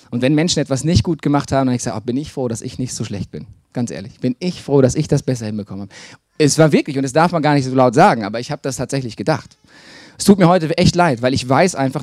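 A man delivering a sermon at a middle pitch, speaking personally and confessionally. He often restarts sentences and fills pauses as he talks. The sound is dry and close, with little room echo. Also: a little mellow. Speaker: preacher.

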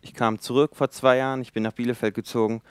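A man in his twenties preaching a sermon in a church, emphatic, swinging between loud appeals and quiet asides. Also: medium pitch, little pitch movement, quick pace, clear, resonant tone, no room sound. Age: 20s.

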